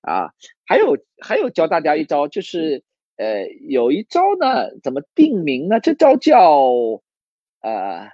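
A man's voice: on the high side, huge pitch swings, unhurried, mellow, no echo, muffled recording. A man giving a casual livestream lesson on recruiting sales, talking loosely with plenty of fillers and restarts and putting questions to his audience. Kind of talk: livestream teaching talk.

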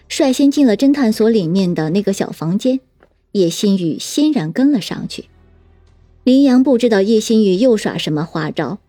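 Woman narrating a novel, mellow husky voice. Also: medium pitch, dry recording. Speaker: audiobook narrator.

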